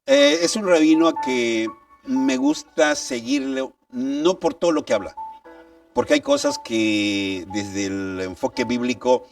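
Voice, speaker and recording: Gravelly, animated male preacher. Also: fairly high pitch, a little slow. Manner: emphatic, reads scripture aloud, asks rhetorical questions. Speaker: pastor. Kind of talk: sermon. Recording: distant mic, faint background music.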